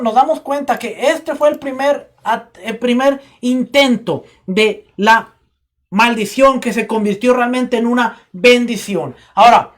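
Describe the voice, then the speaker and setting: A man preaching a sermon as pastor, emphatic and repeating phrases for stress. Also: extremely high pitch.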